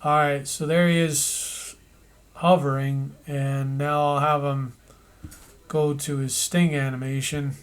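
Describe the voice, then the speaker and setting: A man narrating an animation tutorial, thinking aloud as he works, with pauses and restarts. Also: a little high, little pitch movement, smooth.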